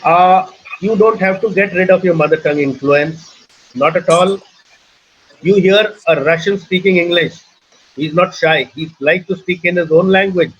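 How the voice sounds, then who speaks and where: A man's voice: high voice, normal speed, breathy edge. A middle-aged man with an Indian accent, hosting a webinar and giving earnest advice, often restarting and repeating his points. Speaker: webinar host and trainer. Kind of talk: casual teaching talk in a webinar. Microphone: video call. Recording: muffled online call audio.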